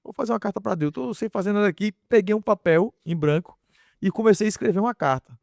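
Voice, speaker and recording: A man giving a casual faith testimony on a podcast, telling his story with lively acted-out dialogue. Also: high voice, fast, gravelly, no echo, studio quality. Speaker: podcast guest.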